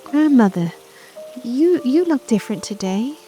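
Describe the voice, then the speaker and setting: A woman's voice: fairly high pitch, very animated, unhurried, pitched above the performer's own voice. A woman voicing a timid, innocent little girl with a polite, hesitant manner in a bedtime storybook. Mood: hesitant wonder. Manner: polite, hesitant, wide-eyed. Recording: soft music and rain behind.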